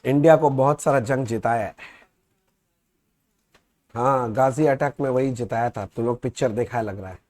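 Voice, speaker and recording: A man teaching accounting in a casual classroom lecture, chatting. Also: medium pitch. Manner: conversational, reads questions aloud slowly and loudly.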